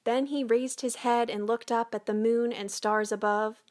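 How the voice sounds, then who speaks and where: Female picture-book narrator, slightly high voice, expressive, measured read-aloud delivery. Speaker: storyteller.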